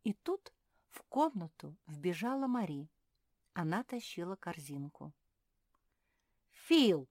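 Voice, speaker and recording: A woman narrating a children's audiobook in a slow, clear storytelling manner. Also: on the low side, big pitch swings, a little mellow, no echo, studio quality.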